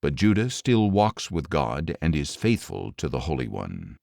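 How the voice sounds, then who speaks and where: A man narrating an audio Bible in a measured, solemn scripted reading, his lines falling at the ends. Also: very deep voice, sing-song, gravelly, a little mellow, no echo, studio quality. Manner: measured, solemn delivery with falling line endings.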